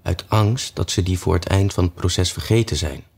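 A man voicing a calm, knowing griffin who answers in a low, hushed whisper. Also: moderate pace, creaky, slightly rough, full character voice.

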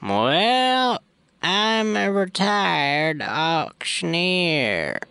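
An actor playing an elderly retired cattle auctioneer who calls in to a comedy radio show, timid and hesitant. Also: male voice, high voice, big pitch swings, fairly bright tone, smooth, no echo, full character voice. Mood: slow, timid. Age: older. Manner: slow, hesitant speech. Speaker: caller.

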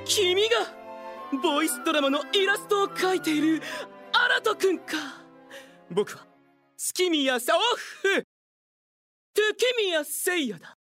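A man's voice: very high voice, lively intonation, takes it slowly, pauses often, pushed and bright, faint music behind, exaggerated voice. A man playing a vain, flamboyant teenage student actor in an anime audio drama, declaiming in a pompous, grandiose way. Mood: grandly introducing himself. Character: vain theatrical student actor boy, flamboyant and self-admiring.

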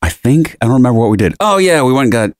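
A man's voice: mid-range voice, rapid-fire, dry recording, clean studio sound. A man co-hosting a podcast, telling a story in casual chat and acting out the voices of people in it. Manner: animated storyteller, acts out quoted voices. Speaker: podcast co-host.

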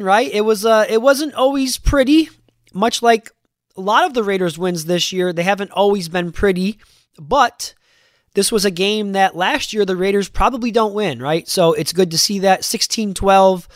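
A man's voice: sits high, no room sound, clean studio sound. A man hosting a sports podcast in a loose, chatty way with lots of fillers, sounding a little congested from a cold. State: congested, under the weather. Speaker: podcast host. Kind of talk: casual podcast talk.

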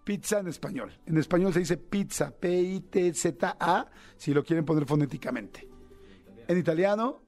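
A man's voice: fairly high pitch, moderate pace, a little mellow, soft background music. A man with a Mexican accent hosting a radio show, chatting casually and joking, rambling with fillers as he thinks aloud. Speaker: radio host. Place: radio studio.

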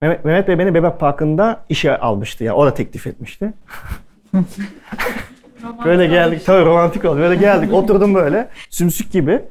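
A man from Türkiye tells stories to a live audience in a loose, conversational way. His voice sits a little high for a man, and he keeps slipping into the voices of the people he quotes. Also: expressive, fast, a little mellow. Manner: chatty anecdotal delivery, acting out quoted dialogue. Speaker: speaker at a culinary event. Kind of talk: casual storytelling talk to an audience.

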